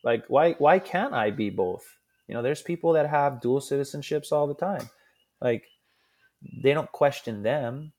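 A man's voice: mid-range voice, measured pace, a little mellow. A man from Hawaii, a podcast guest, telling history in a casual, earnest way and acting out the people he quotes. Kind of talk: casual conversational storytelling.

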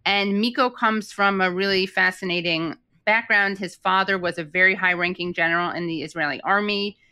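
A woman co-hosts a casual podcast, reading news stories aloud and adding wry, deadpan asides. Her voice is lowish yet bright and forward. The sound is dry and close. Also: normal speed, smooth, no room sound. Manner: wry, dry humor, reads articles aloud. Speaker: podcast co-host.

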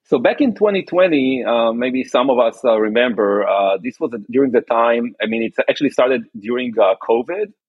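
A man talks through interview answers, pausing and restarting as he searches for his words. His voice is husky and sits at a middle pitch. The sound is dry and narrow, like a phone line. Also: expressive, dry recording. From Israel. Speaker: guest, entrepreneur and activist.

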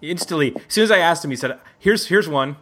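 Animated and fast, this man's voice sits on the high side and is a bit bright. As host of a laid-back music podcast round table, the Buffalo, United States man jokes and chats freely, frequently correcting himself, indoors at a neighbor's home.

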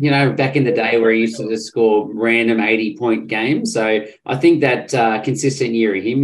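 A man co-hosting a rugby podcast, bantering in a cocky, playful way. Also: medium pitch. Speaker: podcast co-host.

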